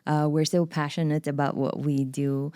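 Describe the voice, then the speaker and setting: A woman hosting a podcast, speaking in an earnest way with many pauses and fillers. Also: low-pitched, little pitch movement, dark tone. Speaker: podcast host. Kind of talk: podcast interview.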